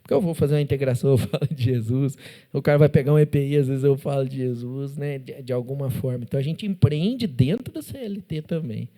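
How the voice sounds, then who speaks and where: A man with a Brazilian Portuguese accent, a podcast guest telling faith stories in a casual, animated way, acting out dialogue and tagging sentences with "né?". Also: medium pitch, fast. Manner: animated, acts out dialogue, constant "né?" tags. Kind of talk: casual testimony storytelling. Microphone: studio podcast mic.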